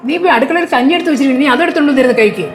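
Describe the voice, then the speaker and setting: A woman's voice: sits high, expressive, rapid-fire. A woman playing a nagging mother-in-law. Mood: scolding. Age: middle-aged. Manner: scolding, nagging. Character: scolding middle-aged mother-in-law, domineering. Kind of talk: short film drama.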